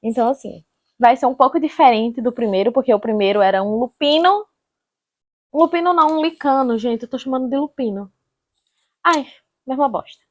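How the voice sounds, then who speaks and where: A woman's voice: on the high side, a little fast, no echo, dull audio. A Brazilian woman chatting casually as a book vlogger, informal and rambling, often correcting herself. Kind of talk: casual chatty reading vlog.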